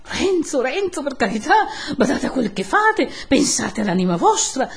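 A woman's voice: mid-range voice, animated, takes it slowly, husky, heavily acted. A woman voicing an elderly, timid male country priest who pleads and scolds in a fretful way. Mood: pleading, frightened. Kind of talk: audiobook character voice.

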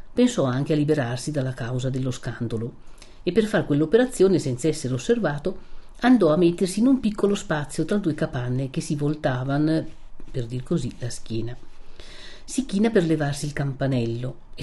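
A woman narrating a novel aloud in a measured, steady storytelling manner. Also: sits low, husky.

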